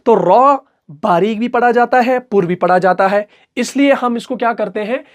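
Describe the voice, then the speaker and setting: A man giving a recitation lesson for an online class, patient and methodical. He sounds out each example word slowly and carefully, then pauses to ask if the listener is following. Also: extremely high pitch. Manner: stretches example words out slowly, checks in with "okay?" often. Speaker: Quran recitation teacher.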